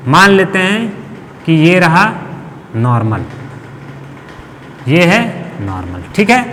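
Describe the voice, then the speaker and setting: A man's voice: sits high, a bit bright, big-room sound, a little hiss or hum. A man teaching a physics lesson to school students, explaining step by step and asking and answering his own questions, speaking. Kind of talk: classroom lecture.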